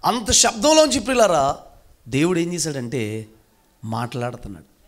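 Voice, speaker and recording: A man's voice: a little high, sing-song, moderate pace, a little hiss or hum. A male pastor preaching a fervent sermon to his congregation in church, calling out hallelujah again and again. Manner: fervent, calls for loud hallelujahs, often addresses congregation as beloved.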